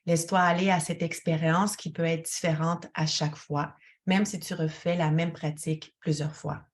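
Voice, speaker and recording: A yoga teacher leads one listener through a relaxation, her instructions calm and soothing. Her voice sits low, and she keeps a moderate pace.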